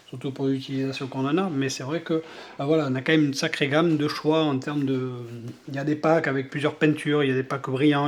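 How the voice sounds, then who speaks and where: A man with a southern French accent chatting casually about model paints while he builds a scale model, rambling with many fillers and restarts. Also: fairly high pitch. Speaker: scale-model hobby vlogger.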